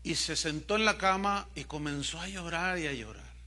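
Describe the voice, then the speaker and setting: Casting: high, very bright male preacher, emphatic, swings loud to soft, rhetorical questions. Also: moderate pace. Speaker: pastor. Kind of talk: sermon.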